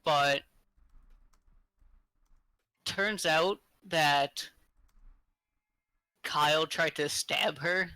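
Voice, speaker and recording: Bright-voiced young man telling stories. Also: a little high, drawn-out words, pauses often, clean tone, no room sound, poor audio. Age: young adult. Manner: rambling storytelling with fillers. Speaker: podcast co-host. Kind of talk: casual chat.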